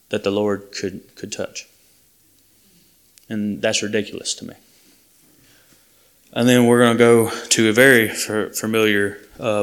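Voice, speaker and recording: A preacher addresses his congregation in a sermon, his slightly low voice earnest and plain-spoken. He frequently stops and restarts in the middle of sentences, and his tone is fairly bright.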